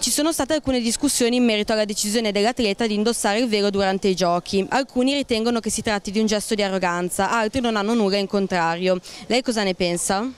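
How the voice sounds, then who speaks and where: A woman's voice: medium pitch, fast, hardly any pauses. A woman interviewer reading a scripted introduction and posing questions. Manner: clear, scripted delivery.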